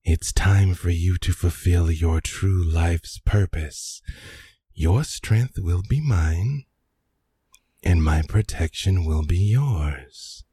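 A man voicing a sinister plant monster that speaks inside a victim's mind, slow, soothing and menacing, in a tabletop game. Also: low-pitched, warm tone, husky, voice pushed down, heavily acted. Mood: coaxing menace.

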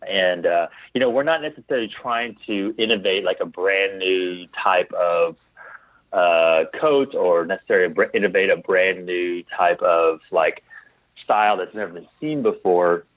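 This guest, who founded a clothing company, answers casually and thinks out loud, returning to the same words repeatedly. He has a low-pitched voice at a moderate pace, recorded with phone-like quality and no room sound.

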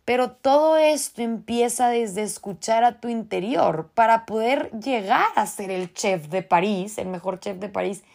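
A woman with a Mexican accent speaks in a fairly high voice, hosting a podcast. She gives a casual motivational talk, earnest and impassioned, using slang and often restarting her sentences. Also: measured pace, gravelly, hardly any pauses, darkish tone. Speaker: podcast host.

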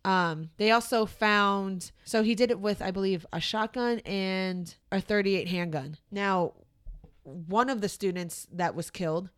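American woman cohosting a podcast, chatty, lots of likes and ums, voice jumps up high when she gets worked up. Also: measured pace, clear, resonant tone. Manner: chatty, many fillers, animated jumps in pitch. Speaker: podcast co-host. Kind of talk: casual chat.

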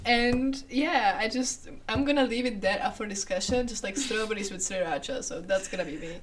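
A young woman co-hosting a casual podcast, chatty and quick to laugh, recorded in a kitchen. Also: medium pitch, far from the mic. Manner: giggly, animated, laughs often. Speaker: podcast co-host. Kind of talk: casual chat. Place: youth center kitchen.

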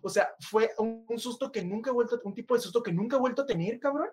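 High-voiced Mexican man telling a scary tale. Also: quick pace, music in the background. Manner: animated, slangy, laughs often. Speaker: podcast co-host. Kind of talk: casual storytelling.

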